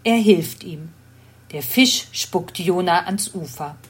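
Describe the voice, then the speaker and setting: Slow-reading woman storyteller. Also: on the low side. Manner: slow, clear, gentle storytelling. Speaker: reader. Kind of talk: reading a children's Bible story aloud.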